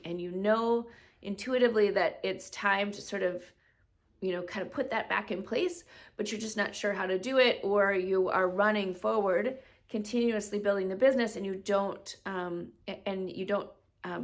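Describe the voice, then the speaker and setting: A woman talks through her own business podcast at an easy, mid-range pitch. She keeps it conversational, tosses in rhetorical questions, and slips into quick put-on voices when she quotes customers. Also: gravelly. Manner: conversational, explains with rhetorical questions and frequent "right?". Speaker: podcast host, business coach. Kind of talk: solo podcast talk.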